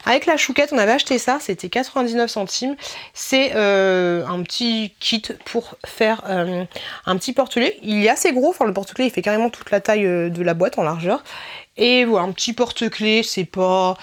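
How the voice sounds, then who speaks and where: Woman vlogger, casual product review, chatty and informal, frequent laughs, talks straight to the viewer. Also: mid-range voice. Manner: chatty, informal, laughs often, many fillers and repeats; addresses the viewer as tu.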